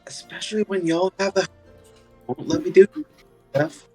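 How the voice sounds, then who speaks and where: A man's voice: sits high, lively intonation, moderate pace, creaky, darkish tone, breathy edge, faint music behind. A man playing a tabletop game over a phone, his audio breaking up and dropping words mid-sentence. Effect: choppy audio cutting out mid-sentence. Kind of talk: casual chat.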